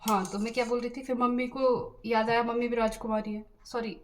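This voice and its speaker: In a relaxed home vlog, a young woman talks brightly and playfully to the camera while her face mask dries, giggling now and then. Her voice is on the high side, level in tone, and her delivery is brisk.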